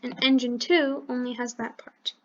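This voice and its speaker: A woman's voice: a little high, little pitch movement, normal speed, dull audio. A woman hosting a coding tutorial who thinks aloud step by step and corrects herself as she clicks through the program. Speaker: channel host teaching coding. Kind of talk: screen-recorded coding tutorial.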